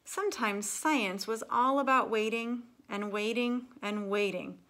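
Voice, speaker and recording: In a slightly high voice, a woman reads a picture book for kids, giving the story expressive, carefully paced phrasing as a storyteller.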